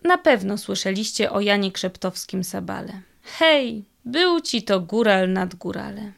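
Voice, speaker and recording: Woman spinning a folk tale, slow and kinda gravelly, lively folksy telling. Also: medium pitch. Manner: lively, folksy storytelling with exclamations. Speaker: storyteller.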